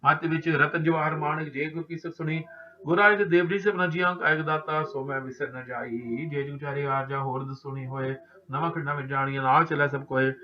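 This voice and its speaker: A man with a Punjabi accent reciting Sikh scripture in a steady chant, pausing to instruct the congregation earnestly. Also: on the high side. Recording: dull lo-fi recording.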